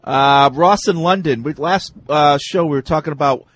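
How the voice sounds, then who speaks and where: Higher-voiced talk radio host musing aloud. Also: male voice, fairly bright tone, dry recording. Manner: thinks aloud, slows down to spell out examples. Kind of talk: casual talk radio, reading listener messages.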